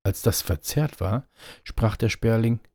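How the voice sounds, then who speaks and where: A man reading a fairy tale aloud in a steady storytelling manner. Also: on the low side, measured pace, dry recording. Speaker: narrator.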